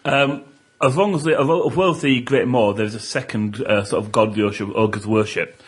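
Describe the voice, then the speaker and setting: A man, a podcast co-host casually explaining game lore with many pauses and fillers. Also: on the low side, steady tone, husky. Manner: halting, many ums and uhs while explaining lore. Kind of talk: casual chat.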